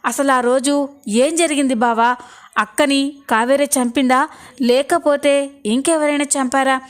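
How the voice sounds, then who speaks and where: A woman voicing a young woman who fiercely accuses her brother-in-law, read in her own high voice in a storybook retelling. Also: steady tone, unhurried. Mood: probing. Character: young woman, angry sister seeking truth.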